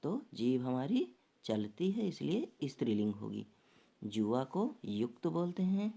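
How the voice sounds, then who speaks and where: A man teaching an exam-prep lesson, reading out word pairs one by one in a slow, deliberate, dictation-like way. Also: medium pitch, big pitch swings, gravelly, warm tone. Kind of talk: online lesson reciting vocabulary pairs.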